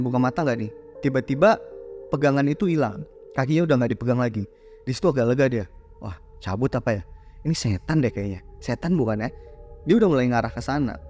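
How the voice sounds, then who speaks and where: A man's voice: fairly high pitch, a little mellow. A man hosting a horror story show, telling it in a casual, slangy way and acting out the characters' lines. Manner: slangy, chatty, acts out the characters' quoted lines.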